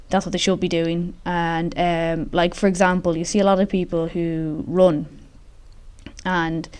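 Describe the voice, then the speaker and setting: A woman's voice: on the low side, a little mellow, clear, resonant tone. A woman hosting a casual solo podcast, talking in an informal, chatty way, recorded in the echoey open space of a gym. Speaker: podcast host. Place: large open gym, indoors.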